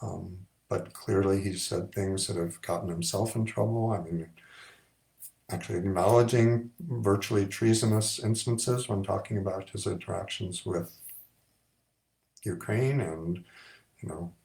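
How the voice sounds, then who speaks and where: Measured lower-voiced man explaining calmly. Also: creaky. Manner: measured, explanatory, many ums. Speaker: psychiatrist. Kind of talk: lecture to camera.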